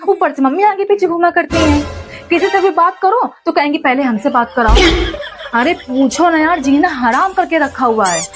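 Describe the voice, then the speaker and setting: A young woman with a high voice chatters in a rapid, gossipy stream of complaints. Clear background music plays under her comedy sketch. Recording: music playing behind.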